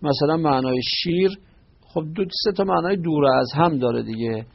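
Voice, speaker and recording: Teaching a religious lesson in a patient, explanatory manner, a man with a slightly high, gravelly and husky voice quotes brief Arabic phrases and explains each one. He frequently stops mid-word to correct himself and restart, on a dull, lo-fi recording.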